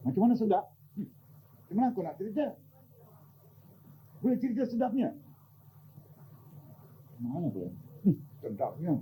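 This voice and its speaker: Older man, religious teacher, lively rising and falling voice, dark mellow tone, faint background noise. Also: fairly high pitch, fast talker, poor audio. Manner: animated, asks listeners questions, chuckles, teasing. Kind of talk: informal Sufi religious talk to a group.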